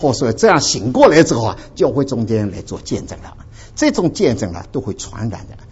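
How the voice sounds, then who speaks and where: A man from the area, preaching a sermon and telling stories to the congregation in an animated way. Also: medium pitch, a little fast, breathy edge. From Dinghai, Ningbo area, China. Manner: animated storytelling, addresses the congregation directly. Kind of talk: sermon with personal testimony. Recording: dull lo-fi recording.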